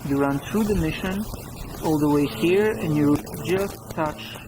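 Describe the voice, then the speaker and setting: A man's voice: on the high side, unhurried, background noise. A man chatting casually as he narrates his vlog. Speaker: vlogger.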